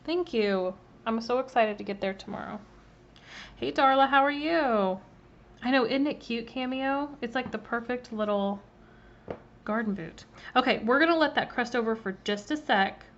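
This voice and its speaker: A woman whose voice is a little high, speaking at normal speed, runs a live-stream cookie-decorating demonstration. She is chatty, greets viewers by name, and fills with frequent ums; the laptop mic sounds slightly muffled with faint noise behind.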